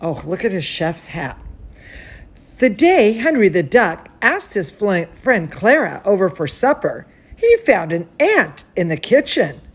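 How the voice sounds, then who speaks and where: A children's bedtime story host, who is also a cooking teacher, reads aloud for young listeners with fond, chatty asides and exclamations. Her medium-pitched voice moves through big pitch swings and runs a little slow.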